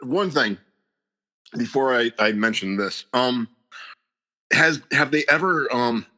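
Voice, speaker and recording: A man joining a comics podcast from the chat, asking halting, hesitant questions. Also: medium pitch, sharp tone, low-quality recording. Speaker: listener calling in from a chat. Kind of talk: casual chat about comics.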